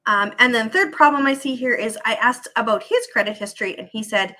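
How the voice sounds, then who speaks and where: Fairly quick and a little high, her voice comes across pushed and bright as she chats through a live real-estate investing show over video call. An irritated throat gives it a slight scratch, a candy sits in her mouth, and she stays upbeat, talkative, and repetitive.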